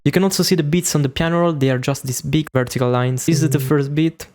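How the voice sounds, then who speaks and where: Fast-talking and a little mellow, this young Italian YouTuber casually explains how he builds a beat, mixing explanation with self-deprecating humour. His voice is on the higher side, carries an Italian accent, and keeps a fairly even intonation.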